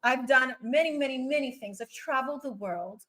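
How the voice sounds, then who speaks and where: A woman's voice: high voice, brisk, a bit bright, poor audio. A woman born in Trinidad and raised in Queens, New York, in a brash, emphatic live-stream rant that repeats points for stress. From born in Trinidad and Tobago, raised in Queens, New York. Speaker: reality TV personality on a live stream.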